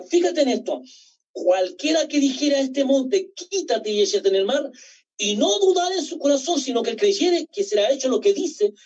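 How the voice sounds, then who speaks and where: A woman preaching a sermon in a church, reading Scripture aloud with dramatic slowed emphasis on key words. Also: on the high side, darkish tone, breathy edge. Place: church hall. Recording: distant, dull lo-fi church recording.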